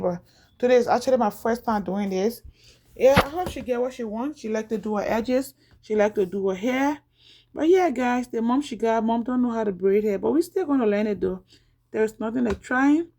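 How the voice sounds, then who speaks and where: A woman's voice: a little high, darkish tone. A middle-aged woman from Liberia, chatting casually to camera as a vlogger, rambling and repeating herself.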